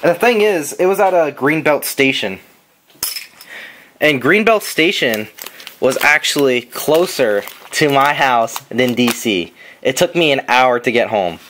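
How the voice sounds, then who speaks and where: A man's voice: medium pitch, expressive, unhurried, fairly bright tone. Young male host, rambling and profane, casual basement chat, faint noise. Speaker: host opening trading card packs. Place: basement room.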